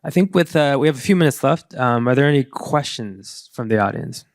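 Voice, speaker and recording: A man's voice: mid-range voice, expressive, fairly quick, no room sound. Guy moderating a panel, earnest and rallying, lots of "you know", dry close sound. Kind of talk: closing remarks at a panel.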